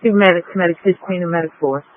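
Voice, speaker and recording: A man's voice: sits high, fast. A man working as a fire dispatcher, making formal, repeated announcements over a two-way radio. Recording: tinny, phone-like radio transmission.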